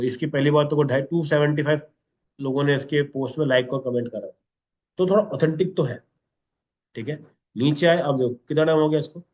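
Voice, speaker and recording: A man with a somewhat high, darkish voice teaches a lesson, though the recording has its high frequencies cut off. As an instructor, he constantly repeats "okay?" after nearly each point.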